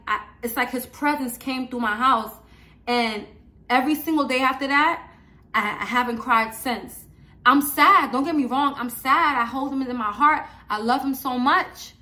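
A woman's voice: high-pitched, sharp tone. A woman sharing her own story and giving faith-based advice in an emphatic, preachy way, repeating her phrases. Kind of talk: personal testimony and faith advice.

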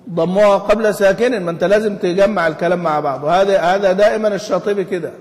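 High-voiced sheikh teaching in an echoey hall. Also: male voice, a little mellow. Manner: stretches out example words slowly, quizzes the class. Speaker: Quran recitation teacher. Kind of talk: explaining a classical text to students. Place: mosque study hall. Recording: long hall reverb.

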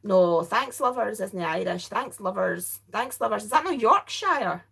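Her voice is mid-range, gravelly and a bit bright, with a breathy edge; she is animated but speaks a little slowly. A tired middle-aged woman from Scotland, she crafts live while reading viewer comments, chatting in a rambling, self-interrupting way. Sound comes from an overhead camera over the craft desk.

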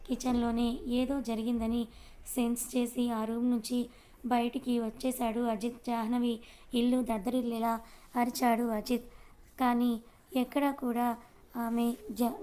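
A woman reads a dramatic audio story aloud. Her tone is mellow and dark, and her pitch stays flat and fairly high. Her delivery is steady and measured. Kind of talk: scripted narration of an audio story.

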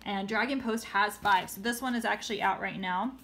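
A woman's voice: medium pitch, fairly quick, sharp tone, slight background noise. A young woman showing children's books in a casual way, chatty, and playfully reading lines aloud. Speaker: children's book seller. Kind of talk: casual book showcase. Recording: roomy echo.

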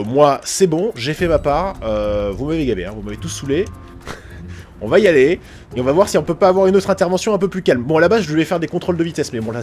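A man with a French accent giving casual, excitable commentary on a police game, swearing often and laughing. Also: a little high. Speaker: gaming YouTuber.

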